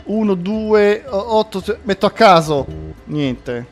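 Man, very high voice, lively pitch, excited gameplay commentary, yelps and laughs. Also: slow, soft background music. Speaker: gaming video host.

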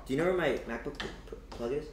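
Young streamer dude, teasing and slangy, roomy kitchen sound, lots of background noise. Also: male voice, medium pitch, rapid-fire. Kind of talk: casual banter on a cooking live stream. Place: indoor home kitchen. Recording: echoey kitchen, clear background noise, clicks.

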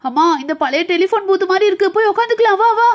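A woman with a very high voice acts out a playful doll story. Her characters sound animated and fretful as they urge the children to hurry and hide. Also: fast talker, very noisy.

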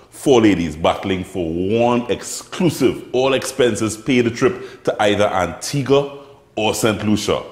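Booming Trinidadian man announcing prizes. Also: roomy sound. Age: middle-aged. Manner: booming prize announcer calls, drawn-out names. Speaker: cooking competition host. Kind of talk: TV show presenting. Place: TV studio kitchen.

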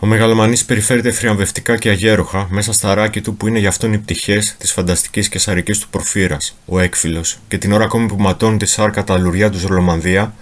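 A man with a somewhat low voice reads a memoir aloud in a dramatic literary reading. His delivery is solemn and theatrical, and he even voices the sounds of thunder himself. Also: few pauses. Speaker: reader of a memoir.

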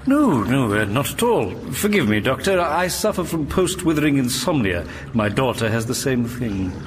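An actor playing a pompous, bumbling middle-aged professor in a sci-fi comedy, pedantic and prone to digress. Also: male voice, medium pitch, sing-song, moderate pace, faint music behind, lightly acted. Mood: flustered bluffing.

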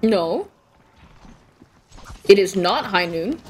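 A woman's voice: medium pitch, animated, extremely slow, a little hiss or hum. A young woman streaming a game, chatting casually and giggling as she reacts to the match and her chat.

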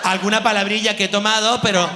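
A man with a Venezuelan accent telling a slangy, mocking comic story in an animated monologue. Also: high voice, quick pace. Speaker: stand-up comedian. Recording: music playing behind.

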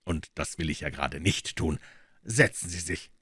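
A man doing a calm, politely menacing captor. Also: very deep voice, normal speed, slightly rough, no echo, clean studio sound, full character voice. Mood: calm menace. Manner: quiet, courteous, coolly threatening.

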